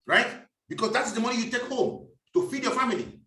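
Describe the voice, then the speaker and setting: A man's voice: extremely high pitch, animated, fast, sharp tone, recorded from a distance. A man giving a preachy, emphatic business talk and repeating his key phrases. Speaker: business speaker. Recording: echoey room, voice off-mic.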